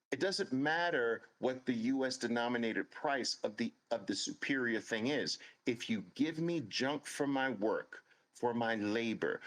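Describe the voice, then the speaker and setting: A man's voice: mid-range voice, fairly bright tone, poor audio. A man in his late fifties, hosting a show and telling a personal story in an earnest, emphatic way, repeating phrases for stress. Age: 50s. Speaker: host.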